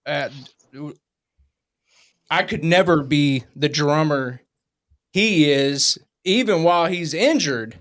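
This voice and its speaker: A man's voice: on the high side, takes it slowly, long pauses, fairly bright tone. A man hosting a casual livestream chat with band guests. He talks loosely and jokingly, with slang and frequent laughs. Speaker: podcast host.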